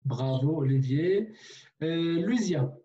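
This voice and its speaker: A man's voice: on the high side, lively intonation, takes it slowly, mellow, dull audio. A man teaching a language online in a patient way, repeating himself with many fillers and restarts, over a video call.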